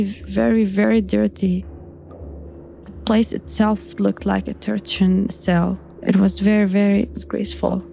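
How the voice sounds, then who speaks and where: A young woman whose first language is Arabic, recounting her own experience in halting speech, repeating words with soft nervous laughs. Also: medium pitch, vocal fry, a little hiss or hum. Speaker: interviewee. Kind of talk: recounting personal testimony.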